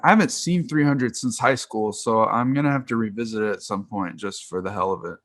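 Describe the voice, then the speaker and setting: A film podcast co-host in his twenties chats casually and enthusiastically about movies on a video call, rambling with plenty of slang. His voice is on the low side, a little fast and a bit bright, in studio-quality sound with no room echo.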